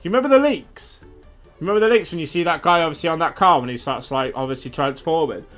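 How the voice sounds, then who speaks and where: A man's voice: a little high, fast, fairly bright tone, faint music behind. A young man streaming a game, chatting casually and animatedly, swearing freely. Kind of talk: casual gaming chat.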